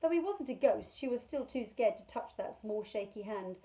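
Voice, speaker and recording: A woman reading a children's novel aloud in a measured, expressive way. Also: on the high side, low-quality recording. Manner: measured, expressive, slows on key words. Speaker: storyteller for children.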